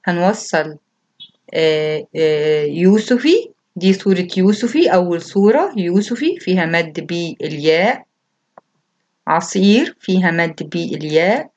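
A woman's voice: on the low side, animated, unhurried, darkish tone, highs cut off. A woman teacher with an Egyptian Arabic accent explaining a lesson for young pupils, reading out each task and then going through it patiently. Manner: patient and repetitive, reads each instruction aloud, then explains it. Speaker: primary school Arabic teacher. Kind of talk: recorded classroom lesson explanation.

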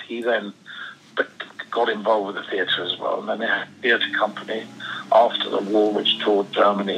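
A Swiss-born man in his seventies, a guest actor in a casual interview chat, rambles through his life story with many restarts. His voice is fairly low, creaky and sharp, and the rough recording has slight background noise.

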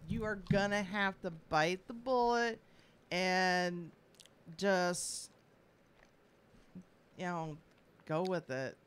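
A woman's voice: lowish voice, drawn-out words, long pauses, clean tone. A woman co-host in casual, opinionated chat, repeating her points for emphasis. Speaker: show co-host.

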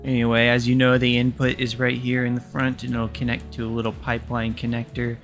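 A man's voice: medium pitch, monotone, fairly quick, soft background music. A young man giving casual, jokey commentary over his factory-building gameplay, swearing freely. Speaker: gaming YouTuber.

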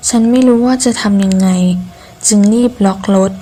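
A woman reading a scripted first-person ghost story in measured, deliberate phrases with pauses. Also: medium pitch, steady tone, warm tone. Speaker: horror story narrator.

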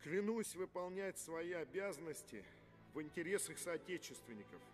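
An actor playing a solemn, dutiful naval officer who recites an oath in formal, measured phrases in a film drama. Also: male voice, on the high side, expressive, faint music behind, close to an everyday voice.

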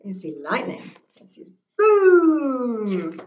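A woman, a teacher, reading a picture book aloud to children with expressive gasps and sing-song chants. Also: mid-range voice, slow pace, reverberant, lo-fi sound. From New Zealand. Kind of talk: storybook read-aloud for kids.

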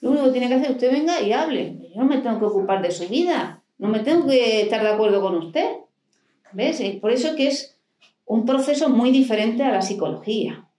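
A middle-aged woman psychoanalyst lectures into a handheld mic in a library hall with a desk and plants, explaining ideas and answering her own rhetorical questions. Her voice is slightly high and mellow, fairly quick, with lively intonation, and the hall sounds echoey.

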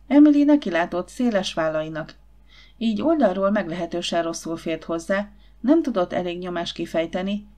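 A woman narrating a novel as an audiobook in an even, measured reading. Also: on the low side. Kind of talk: scripted narration.

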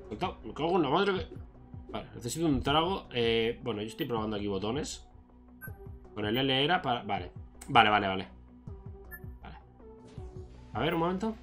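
Bright-voiced man playing a game. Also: medium pitch. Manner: thinks aloud, swears when surprised. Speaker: gaming YouTuber. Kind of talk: casual Let's Play commentary.

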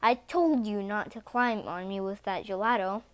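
A woman's voice: mid-range voice, normal speed, clean tone, lightly acted. A woman voicing a grumpy, bitter cat father who scolds in a sour way in a read-aloud storybook.

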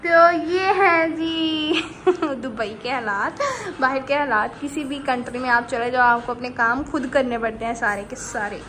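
A young woman with a high voice talks through her housework and cooking in a chatty home vlog. She calls out to viewers as guys as she goes. Her voice is captured on a handheld phone, with clear background noise from the kitchen and traffic outside. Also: unhurried. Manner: chatty, addresses viewers as guys, narrates chores step by step. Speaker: vlogger. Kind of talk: casual chatty vlog narration. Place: apartment kitchen and laundry area, indoors.

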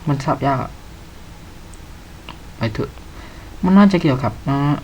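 Man, gamer, horror game commentary, swears a lot, reads game text slowly, faint background noise. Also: on the high side, darkish tone, lo-fi sound. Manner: jumpy, swears a lot, yelps when startled.

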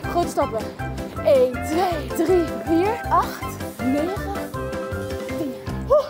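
A woman in her twenties with a Netherlands Dutch accent and a high-pitched voice. She thinks aloud in a playful, casual running commentary as a contestant. It is recorded outdoors, with music clearly behind her. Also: lively intonation, very slow. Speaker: challenge contestant. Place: outdoors around an airport.

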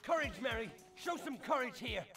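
A man's voice: very high voice, animated, moderate pace, over music. An actor playing a male soldier in a strategy game, giving rousing battle calls. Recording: distant game audio under commentary.

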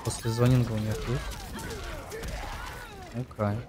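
A man's voice: medium pitch, little pitch movement, unhurried. A man in his thirties giving casual live commentary as he plays a fighting game, muttering short reactions to his own play. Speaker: video game streamer. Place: indoor room at a desk. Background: game music.

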